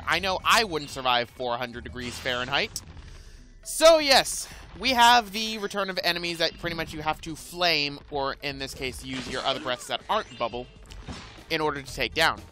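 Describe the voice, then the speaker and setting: A man's voice: on the high side, a little fast, bright, forceful tone. A man hosting a let's play, giving rambling, sarcastic gameplay commentary. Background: faint game music.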